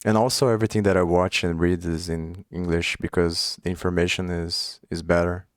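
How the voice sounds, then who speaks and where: Chatting as he codes on a livestream, a young man from Brazil speaks English as a second language with a Brazilian Portuguese accent, restarting and trailing off as he thinks aloud. His low voice stays level and brisk, recorded at studio quality with no echo.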